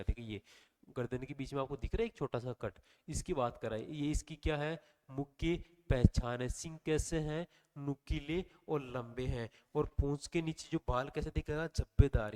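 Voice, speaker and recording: A man with a medium-pitched, slightly mellow voice and a slightly sore throat gives an online exam revision lecture. He quizzes the class with repeated questions and then answers them himself.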